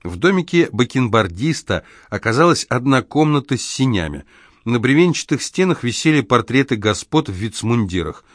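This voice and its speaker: A man's voice: mid-range voice, sing-song, moderate pace, no room sound. Man reading a novel aloud, dry close sound. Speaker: audiobook narrator. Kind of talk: scripted narration.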